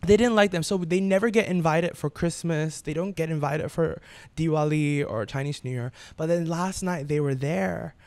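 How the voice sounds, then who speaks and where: A young man in his late twenties, a podcast guest, tells a personal story candidly, often restarting his sentences. His voice sits a little high with a gravelly edge. The sound is dry and close. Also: moderate pace, a little mellow, dry recording. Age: 20s. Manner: candid, repeats words and restarts when moved.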